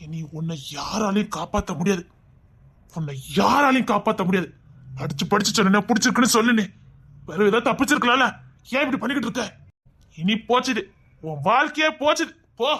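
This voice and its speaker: A woman voicing a possessive, brooding young male hero in an audio drama, with a breathy voice and an intense, coaxing manner. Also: medium pitch, animated, brisk, fairly bright tone. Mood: menacing. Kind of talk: amateur audio drama acting.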